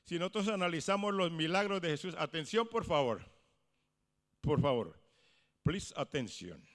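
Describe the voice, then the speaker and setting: A male pastor preaching a sermon, swinging from hushed lines to loud exclamations. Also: fairly high pitch, animated, normal speed, in a large hall. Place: church.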